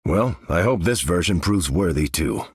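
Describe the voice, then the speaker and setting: A noble veteran super-soldier for a video game, with a deep American-accented voice. He is earnest and authoritative, with lively swings in pitch. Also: normal speed, slightly rough, dry recording, studio quality, heavily acted. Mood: steady, earnest. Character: noble, steadfast veteran male super-soldier leading his team. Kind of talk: video game character voice lines.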